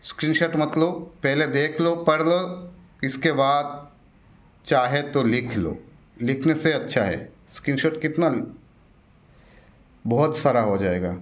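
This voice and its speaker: A man's voice: medium pitch, unhurried, pauses often. A man teaching an exam-prep lesson in a roadside coaching centre, often repeating himself and urging viewers to stay, recorded without a microphone. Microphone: no microphone, device's built-in mic. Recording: echoey room without a microphone. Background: occasional road traffic.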